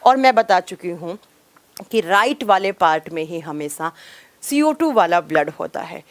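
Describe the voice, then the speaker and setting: A woman's voice: lowish voice, expressive, measured pace, no room sound. A young woman teacher, lecturing a live online class on biology, repeating key terms and sharply scolding impatient students.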